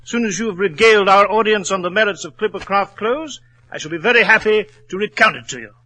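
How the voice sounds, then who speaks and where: An actor playing a genial British doctor who courteously recounts detective memoirs, in 1940s radio drama style. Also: male voice, sits high, quick pace, sharp tone. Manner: courteous, formal. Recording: old radio broadcast, faint music behind.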